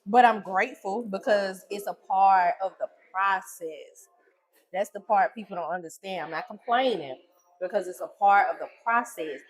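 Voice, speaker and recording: A woman's voice: medium pitch, normal speed, rough recording. A middle-aged woman, a restaurant owner co-hosting a casual chat, talking bluntly and teasing.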